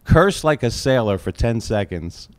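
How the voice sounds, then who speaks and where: A man's voice: medium pitch, sing-song, a little slow, noisy background. A male radio morning show host running an upbeat, teasing interview.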